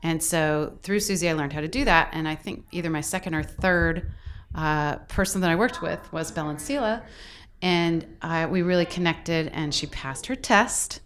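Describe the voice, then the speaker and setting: A woman who volunteers as a mentor, speaking in a measured, thoughtful way in an interview. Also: low-pitched, fairly bright tone, a little hiss or hum. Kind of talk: casual interview talk.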